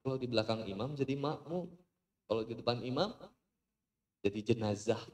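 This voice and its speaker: A man's voice: mid-range voice, normal speed. Man preaching. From West Java, Indonesia. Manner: lively storyteller acting out voices. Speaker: Islamic preacher. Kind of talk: humorous live sermon.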